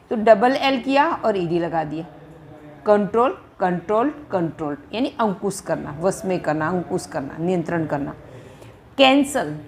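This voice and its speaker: A woman's voice: fairly high pitch, a little hiss or hum. A woman teaching an English grammar lesson, patiently repeating each word and asking and answering her own questions. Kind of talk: Hindi-language grammar lesson.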